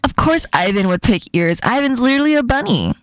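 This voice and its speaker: A woman's voice: fairly high pitch, lively intonation, a little fast, dry recording. A woman in a playful casual chat, teasing and giggling as she plays a question game.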